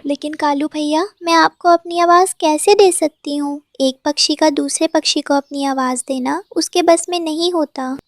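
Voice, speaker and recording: Woman as a high, sweet cartoon cuckoo. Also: steady tone, normal speed, hardly any pauses, no room sound, clean studio sound. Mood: gentle worry. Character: sweet, gentle female cuckoo bird. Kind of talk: children's cartoon story acting.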